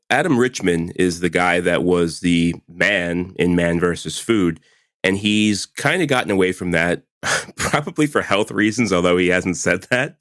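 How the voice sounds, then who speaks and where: A low-pitched, fairly bright male voice belongs to a podcast co-host in his forties who chats casually, laughs often, and leans heavily on "like" as a filler. The recording is studio quality with no echo.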